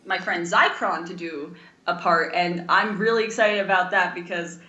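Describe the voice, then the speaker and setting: A young woman co-hosts a podcast in a roomy, echoing space, her voice bright and forward yet lowish, steady and moderately paced. The audio is dull. She rambles enthusiastically and casually, like friends chatting.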